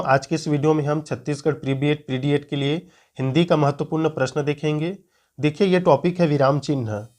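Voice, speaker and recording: A man's voice: a little high, darkish tone. A man teaching Hindi grammar for an exam, explaining patiently and repeating key points. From Chhattisgarh, India. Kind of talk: screen-recorded lesson.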